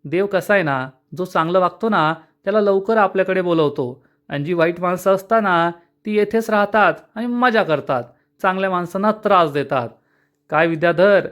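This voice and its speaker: A man's voice: sits high, moderate pace, a bit bright, voice pushed up. A man reading out the lines of a scheming, taunting woman from a TV serial, raising his voice for her. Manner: taunting, sneering. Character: scheming, mocking adult daughter of the house.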